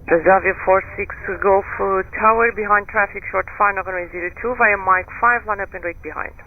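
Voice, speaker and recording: A man's voice: high-pitched, fairly even intonation, fairly quick. A man working as an airport tower controller over the radio, giving clipped, procedural instructions and reading digits one by one. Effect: aviation radio transmission. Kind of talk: air traffic control instructions. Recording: dull aviation radio with faint noise.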